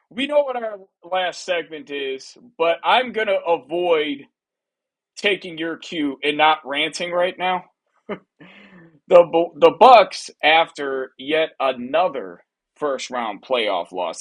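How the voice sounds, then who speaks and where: An energetic man in his thirties with a slightly high voice, co-hosting a sports podcast. He talks in quick bursts, laughing between points. He is from Wisconsin and keeps a casual, chatty tone. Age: 30s. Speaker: podcast co-host.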